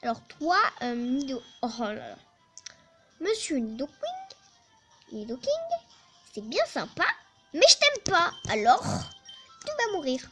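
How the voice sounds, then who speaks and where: A woman giving casual, excitable let's play commentary, chatting to her team and swearing at opponents. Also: fairly high pitch, slow, pauses often, faint music behind.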